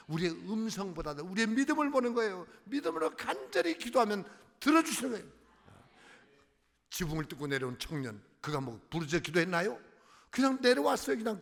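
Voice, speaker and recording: A man preaches a sermon in a church sanctuary, his voice swinging between loud crying-out and hushed murmurs. His pitch leaps up and down with lively energy over a gravelly edge. A long reverb from the hall trails each phrase. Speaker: guest pastor.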